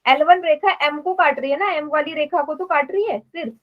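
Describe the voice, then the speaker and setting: High-voiced woman math teacher. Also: a little fast, muffled recording. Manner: patient, repeats points and quizzes students. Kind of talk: live online class lesson. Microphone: online class stream.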